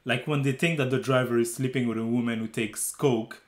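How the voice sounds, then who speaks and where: Speaking at a slightly quick clip with fairly level intonation, this male movie podcast co-host muses through a laid-back film review. He hesitates, uses fillers, and restarts sentences. His mid-pitched voice sounds roomy.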